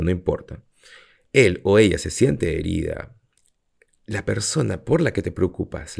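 A man speaks alone on his podcast, offering sincere coaching advice and pausing often on fillers. His voice sits very low, with a heavy gravelly fry and a husky edge. His pitch moves a lot as he talks. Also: a little mellow. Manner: earnest, reflective advice-giving with frequent fillers. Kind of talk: solo podcast monologue.

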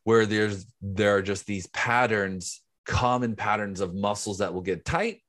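A man's voice: fairly low pitch, a little slow, fairly bright tone. A man co-hosting a podcast in casual chat, explaining things step by step. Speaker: podcast co-host.

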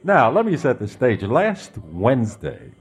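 A man's voice: mid-range voice, unhurried, breathy edge. A man hosting a radio program about theater, reading scripted anecdotes with playful emphasis and then interviewing a guest. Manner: lively, storytelling delivery with playful emphasis. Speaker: radio show host.

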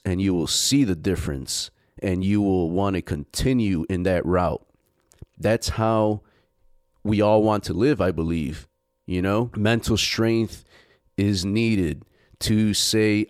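A man who owns businesses, giving a profane, emphatic motivational talk in an unhurried way. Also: on the low side, a little mellow, smooth, no room sound, studio quality. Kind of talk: motivational monologue.

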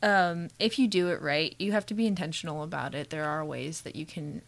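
A woman's voice: low voice, a little fast, gravelly. Young woman cohosting a podcast, chatty, laughs a lot, restarts sentences, recorded in a spare bedroom. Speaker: podcast co-host. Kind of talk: casual podcast chat.

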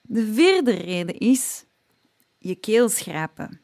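A woman with a Flemish accent talks through voice-care tips in a relaxed, conversational way, pausing often on filler sounds. Her tone is warm and dark. She is recorded close and dry, with no room sound. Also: mid-range voice, vocal fry, no echo. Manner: chatty, frequent "ehm" fillers, laughs at herself. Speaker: singing teacher. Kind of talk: casual spoken vocal health tips.

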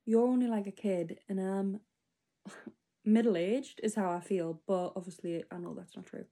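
A woman's voice: mid-range voice, measured pace, dark tone. A 25-year-old woman rambling through a spoken diary entry, casual and full of fillers. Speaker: podcast host.

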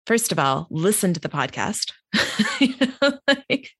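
A woman hosting her own podcast, speaking frankly and candidly, with pauses while she thinks aloud. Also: mid-range voice, very animated, a bit bright, breathy edge, no room sound. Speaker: podcast host. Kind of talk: conversational interview.

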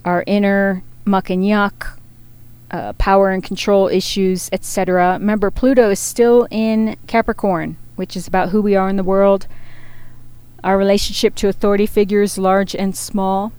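Chatty woman with a smooth voice. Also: medium pitch, level tone, normal speed, a little mellow, dry recording. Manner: chatty, rambling, laughs at herself. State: feeling hot and sweaty. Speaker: astrology forecaster. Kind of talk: casual spoken forecast.

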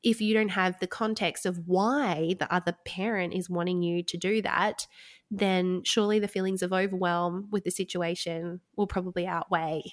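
A woman's voice: fairly low pitch, fairly even intonation, moderate pace. A woman in her thirties co-hosting a podcast, chatting casually and giving advice to parents as a sleep consultant, with frequent "um"s and laughs.

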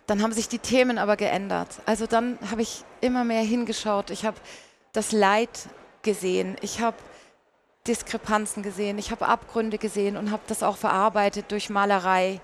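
A woman's voice: medium pitch, steady tone, normal speed, a little hiss or hum. A woman, a painter and singer, talking as an interview guest, recounting her path in a reflective way. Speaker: guest, painter and mezzo-soprano. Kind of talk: conversational interview storytelling.

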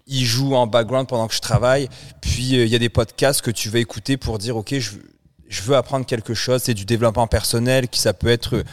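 A man in his thirties, born in France, chats as a podcast co-host. His voice sits at an ordinary middle pitch, and he rambles, restarts sentences and drifts from one thought to the next. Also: fairly even intonation, brisk. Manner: chatty, rambling, frequent restarts. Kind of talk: casual chat.

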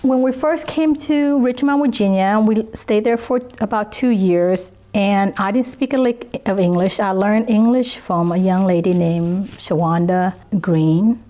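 With a mellow, mid-range voice, a woman in her fifties reflects on her life during an interview, a personal testimony given earnestly and slowly, with pauses. Born in Vietnam and a native Vietnamese speaker, she talks with a Southern US accent.

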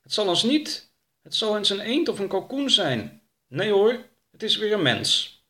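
A man's voice: high voice, big pitch swings, a little slow, sharp tone, voice pushed up, heavily acted. A man voicing a touchy, sulky talking duck in a storybook reading, sarcastic and indignant.

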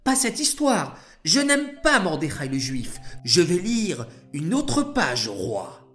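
Man doing a high whiny palace guard. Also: fairly even intonation, unhurried, fairly bright tone, soft background music. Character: nervous palace guard, spiteful and meek.

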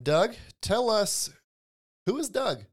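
A man's voice: high-pitched, very animated, slow pace, dry recording, clean studio sound. A man hosting a podcast, reading a friendly scripted introduction and then giving short interview prompts. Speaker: podcast host.

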